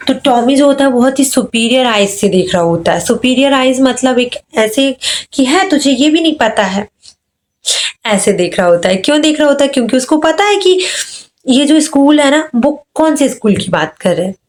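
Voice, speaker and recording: Woman teacher, Hindi accent, fairly high voice, slowly reads English lines aloud and then restates them. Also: expressive. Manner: explains line by line, reading English slowly then paraphrasing. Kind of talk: lesson explaining an English story in Hindi.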